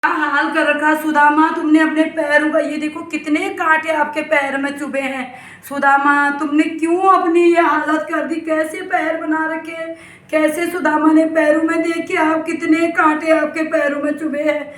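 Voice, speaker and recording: Enacting a devotional story, a woman voices Krishna as an emotional young man coaxing and pleading as he calls again and again to an old friend. Her voice is high-pitched and a bit bright, with little pitch movement and a moderate pace. Recorded from a distance, it sounds roomy and faraway.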